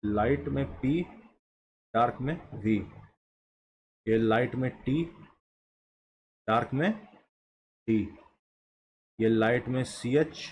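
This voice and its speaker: A man teaches at a slow, unhurried pace, asking a question and then answering it himself. His pitch sits in an ordinary middle range. A faint hiss of room noise stays under his voice. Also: darkish tone. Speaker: shorthand teacher. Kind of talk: explaining a lesson while drawing.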